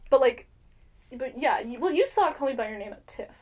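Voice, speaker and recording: A woman's voice: high voice, lively intonation, brisk, a little mellow. A young woman co-hosting a podcast in casual chat, rambling with lots of fillers and swearing. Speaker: podcast co-host.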